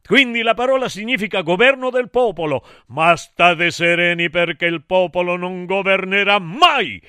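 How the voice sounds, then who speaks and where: A man's voice: high voice, normal speed, pushed and bright, clear, resonant tone, no room sound, clean studio sound. Apollo, a man playing a cynical proud god. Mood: scornful, declaiming.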